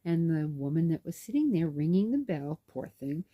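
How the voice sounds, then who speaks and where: A woman's voice: sits low, moderate pace, dry recording, muffled recording. A woman vlogger casually telling a story in a chatty way, acting out what people said. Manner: chatty, animated, acts out dialogue. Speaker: knitting vlogger and caregiver.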